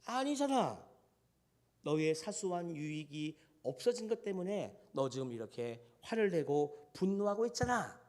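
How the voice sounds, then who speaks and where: A man's voice: on the high side, lively intonation, darkish tone, natural voice. A man voicing God, sternly scolding. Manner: scolding, rapid pointed questions. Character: God rebuking a selfish prophet, stern and probing.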